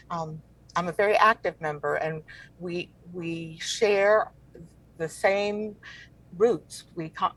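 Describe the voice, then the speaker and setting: A woman born in Cuba, a political candidate answering interview questions in an earnest, measured way. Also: lowish voice, rough recording.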